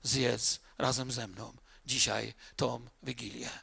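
A male preacher voicing a gaunt, forgiving male prisoner, speaking softly and calmly in a lower voice. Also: takes it slowly, gravelly, husky, exaggerated voice. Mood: quiet, calm.

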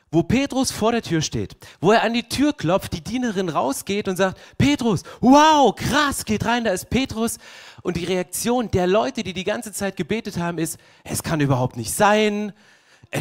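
A young man preaching a sermon, telling the story vividly and asking the congregation rhetorical questions. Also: high voice. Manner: lively storytelling, acts out voices, rhetorical questions. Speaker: pastor.

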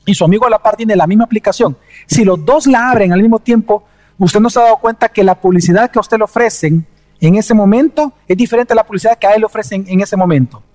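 A man's voice: high voice, quick pace, a little mellow. A man preaching a sermon, speaking earnestly and conversationally and addressing listeners directly. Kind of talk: sermon with storytelling. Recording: long reverb of a hall.

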